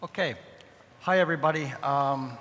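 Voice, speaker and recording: A middle-aged man with a Finnish accent, giving a halting, hesitant talk as a guest on a conference panel. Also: mid-range voice, fairly bright tone. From Finland. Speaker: guest speaker on open data. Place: large conference hall with ambient noise. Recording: noisy, long hall reverb.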